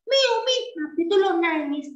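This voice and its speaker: A woman squeaking as an excitable young boy. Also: a little hiss or hum. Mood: excited. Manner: squealing, giggly, rapid questions. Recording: roomy, slightly dull classroom recording.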